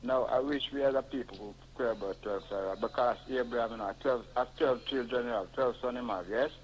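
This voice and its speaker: Man phoning in, preachy and rambling, mid-pitch voice. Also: fairly quick, a little hiss or hum, poor audio. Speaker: caller. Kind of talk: phone-in call.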